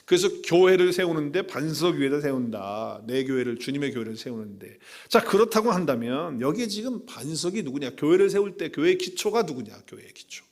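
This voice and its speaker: Lively man preaching a sermon. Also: a little high, fairly quick, few pauses. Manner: asks the congregation rhetorical questions; animated, swings between loud and soft. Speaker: pastor.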